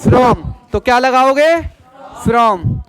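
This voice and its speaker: Male classroom teacher. High, clear voice. Slow and patient, keeps asking the class questions. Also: fairly bright tone, shouting, a faint crowd. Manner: asks the class questions, spells out example sentences slowly. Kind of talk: classroom grammar lesson.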